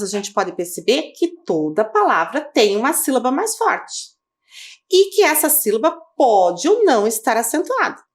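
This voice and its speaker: A woman teaching children in a video lesson, her voice high and very animated as it rises and falls. She has a Brazilian Portuguese accent and breaks words into syllables slowly and clearly. She keeps asking the pupils questions.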